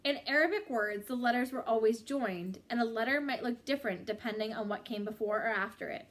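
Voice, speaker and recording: Her voice on the high side, a woman gives an expressive, measured reading of a book chapter, lingering over phrases as she tells the story.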